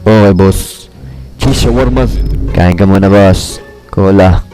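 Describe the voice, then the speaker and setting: A young Filipino man giving lively casual commentary as he plays a game and talks to his viewers. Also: low-pitched, slow, soft background music. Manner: excitable, talks to viewers as "mga pre". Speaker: gaming streamer.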